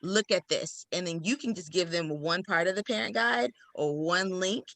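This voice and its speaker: A woman's voice: lowish voice, normal speed, vocal fry, sharp tone, no room sound. A woman presenting at a teacher workshop over a video call, talking animatedly, laughing often and acting out quoted voices. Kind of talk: casual video-call discussion.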